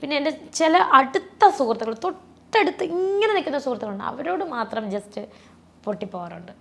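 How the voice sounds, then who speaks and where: A woman talking as an interview guest, rambling and restarting, her voice often sinking soft and low with emotion. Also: lively intonation, fairly quick, vocal fry. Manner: rambling, many restarts and fillers. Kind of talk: personal interview talk.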